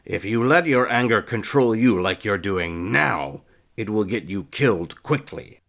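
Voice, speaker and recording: A man voicing a gravelly scarred old trainer. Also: fairly low pitch, animated, unhurried, fairly bright tone, full character voice. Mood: lecturing. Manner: blunt, taunting. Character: gruff scarred older male trainer, harsh.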